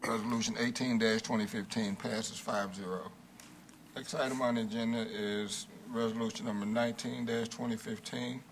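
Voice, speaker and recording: A man chairing a formal council meeting in a brisk, businesslike manner, moving through procedure. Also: medium pitch, steady tone. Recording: noisy public meeting room.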